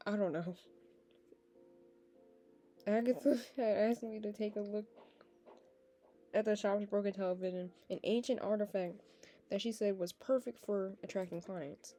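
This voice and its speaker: During a playthrough, a nineteen-year-old woman reads a visual novel out loud, often drifting into casual tangents full of chatter and laughter. Her voice is medium-pitched and warm.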